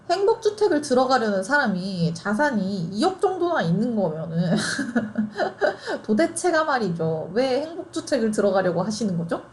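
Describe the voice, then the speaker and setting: A woman's voice: fairly high pitch, darkish tone. A young woman in her twenties chatting through an explainer, laughing often and asking rhetorical questions. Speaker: host explaining housing programs. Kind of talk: casual explainer.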